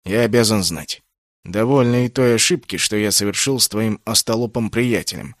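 A man voicing a stern, sardonic middle-aged commander who gives curt, gruff orders. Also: on the low side, normal speed, dry recording, clean studio sound, close to an everyday voice.

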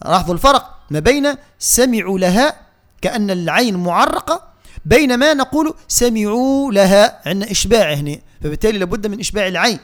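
A man with a Tunisian Arabic accent teaching Quran recitation on the radio. He explains the rules, then stretches the verses out slowly and repeats single sounds. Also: high voice, sing-song, a bit bright. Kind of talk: tajweed lesson with slow recited verses. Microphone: radio studio mic.

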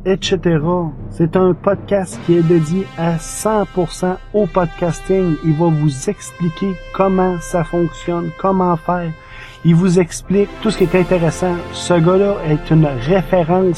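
Music runs under this informal podcast review, given with enthusiasm from notes by a man with a Quebec French accent. He has a mellow voice on the high side.

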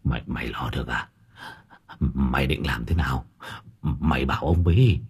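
A man voicing a fat, cowardly old village official who trembles with fear and snaps into crude curses, speaking in a hushed whisper. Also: rumbling low, normal speed, breathy edge, voice pushed down, exaggerated voice. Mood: eager. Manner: breathless, fearful mumbling that flares into crude cursing.

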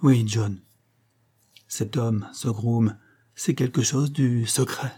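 A man's voice: medium pitch, slow pace, mellow, breathy edge. A man reading aloud, voicing a proud troubled young wife who answers her husband tersely and coldly. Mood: guarded, cold. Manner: terse, guarded replies.

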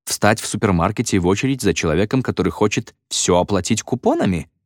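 A man voicing a sharp-tongued young woman who teases and mocks. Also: fairly low pitch, animated, fast, no echo, studio quality. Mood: teasing. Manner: teasing, sarcastic.

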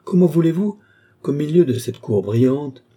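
A man's voice: fairly high pitch, lively intonation, moderate pace, warm tone, slightly rough, pitched above the performer's own voice. Man voicing a courtly, eloquent duke. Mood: declaiming. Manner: earnest, declaiming long courtly speeches. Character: middle-aged duke, courtly, eloquent, guarded. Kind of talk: audiobook reading of a classic novel.

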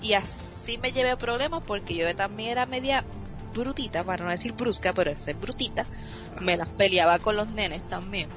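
She's a streamer from Puerto Rico in her thirties, speaking with a Puerto Rican Spanish accent and slipping in English words as she lively tells her life story to an interviewer. Her mid-range voice moves at normal speed through a dull lo-fi recording with faint background music.

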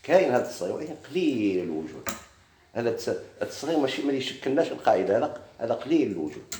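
A man with a Moroccan Arabic accent gives a classroom grammar lesson at a brisk clip, firing questions at his students as he goes. His voice rings around an echoey room with a faint hiss behind it. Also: mid-range voice, very animated, mellow. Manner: explains step by step, quizzing students with questions.

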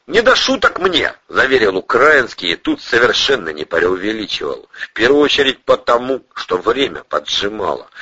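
A man narrating an audiobook, telling the story in a lively way. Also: fairly low pitch, slightly rough, no echo. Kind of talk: scripted narration. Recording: dull dry lo-fi audio.

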